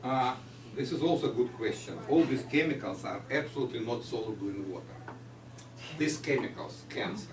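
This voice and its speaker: A man's voice: mid-range voice, expressive, a little fast. A man with a Ukrainian accent, a guest lecturer answering audience questions with non-native phrasing and patient explanations. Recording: echoey room, far mic, noisy.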